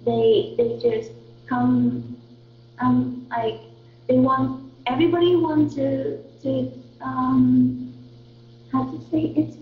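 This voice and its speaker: A woman's voice: high-pitched, fairly even intonation, takes it slowly, pauses often. A woman from Vietnam with a Vietnamese accent, an English student reading aloud and answering questions, often searching for words. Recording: tinny phone-like line in an echoey room.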